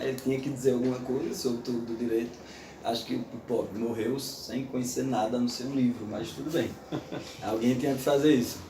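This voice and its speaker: A man's voice: medium pitch, reverberant, recorded from a distance, a little hiss or hum. A man giving an informal, playful lecture to an audience. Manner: animated, playful, recites verse aloud.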